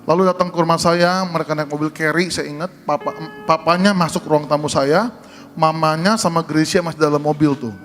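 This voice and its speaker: Male pastor, humorous storytelling, slightly high voice, faint music behind. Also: fairly even intonation, a little fast. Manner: humorous storytelling, addressing congregation. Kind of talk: sermon testimony.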